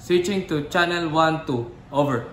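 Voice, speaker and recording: A man's voice: on the high side, moderate pace, a bit bright. A man speaking as a ship radio operator in formal marine radio procedure, spelling out call signs and digits word by word. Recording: echoey room with background noise.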